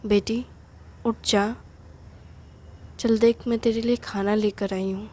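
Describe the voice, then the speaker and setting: A woman storyteller voicing a gentle, loving mother-in-law who soothes a crying young woman in a soft, tender way. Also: mid-range voice, level tone, slow pace, a little hiss or hum, natural voice. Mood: tender, soothing.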